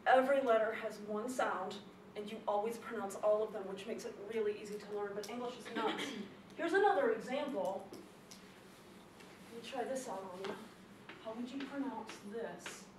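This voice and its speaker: A teacher with a fairly high female voice delivers a classroom speech lesson at a moderate pace, emphatic and lively, often repeating a point to drive it home. She isn't from the Chicago area. She's heard from a distance in an echoey room, with steady noise underneath.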